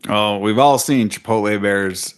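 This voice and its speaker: A man's voice: lowish voice, unhurried, clear, resonant tone. A man co-hosting a casual gaming podcast in a laid-back, wry way. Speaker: podcast co-host.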